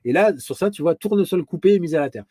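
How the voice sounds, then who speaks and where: A man's voice: a little high, lively intonation, fast talker, mellow, dry recording, clean studio sound. A man hosting a casual live stream from home, rambling and chatty as he speaks straight to the viewer. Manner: rambling, chatty, addresses viewer as tu, frequent restarts.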